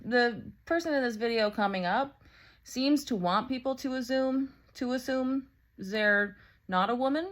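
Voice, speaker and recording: A woman in her thirties hosts sarcastic, profane reaction commentary on a video clip. Her voice is slightly high, and she talks a bit slowly.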